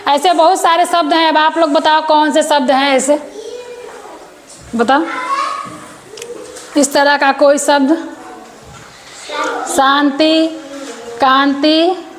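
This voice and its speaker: A woman's voice: high-pitched, fairly even intonation, slow pace, long pauses, background noise. A woman teaching a grammar lesson to children, patiently repeating words and asking them questions.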